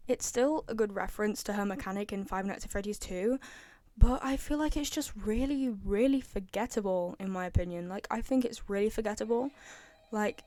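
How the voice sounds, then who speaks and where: In a dry recording, a young woman with a fairly high, dark-toned voice offers chatty, opinionated fan commentary on a game. She's a video creator who repeats phrases to drive her points home.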